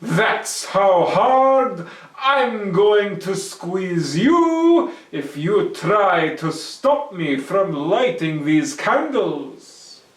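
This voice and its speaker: Storyteller playing Herschel, a bold, unhurried trickster. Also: mid-range voice, very animated, pitched above the performer's own voice. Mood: challenging. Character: Herschel, calm bold trickster man outwitting goblins. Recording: echoey room, distant mic.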